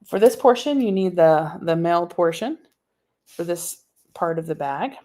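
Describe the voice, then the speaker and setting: A woman's voice: on the low side, expressive, measured pace, mellow. Chatty woman teaching a sewing project. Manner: chatty, reads viewer comments aloud. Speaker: sewing instructor. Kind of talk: live sewing tutorial. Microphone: laptop microphone.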